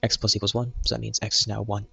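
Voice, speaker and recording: A young man walks through code in a relaxed, meme-laced tutorial, his voice low and a little husky. He keeps a fairly level, even tone. The sound is dry and close, with no room around it. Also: fast, no room sound, poor audio. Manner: jokey, meme-filled explaining. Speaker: programming tutor. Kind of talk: casual screen-recorded coding tutorial.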